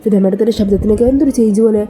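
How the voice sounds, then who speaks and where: A woman's voice: medium pitch, rapid-fire, dark tone, slight background noise, natural voice. A woman voicing an earnest, respectful young woman who speaks affectionately on the phone.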